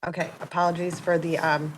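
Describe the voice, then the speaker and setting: A woman's voice: fairly low pitch, fairly quick, slight background noise, rough recording. Sick-voiced woman reading a statement. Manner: steady, formal, persuasive. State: sick, rough voice. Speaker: parent, public commenter on Zoom. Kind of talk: prepared statement read out. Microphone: video call.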